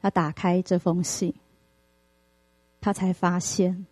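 A woman preacher giving a sermon, telling a story in an animated way with many fillers. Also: fairly low pitch, slow pace, dry recording.

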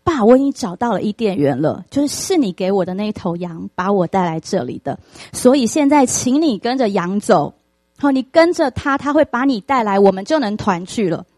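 A woman's voice: medium pitch, animated, a little fast, a little mellow, dry recording, natural voice. A woman voicing an earnest young man who pleads with his goat and writes to his father. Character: eager young man, a devoted son.

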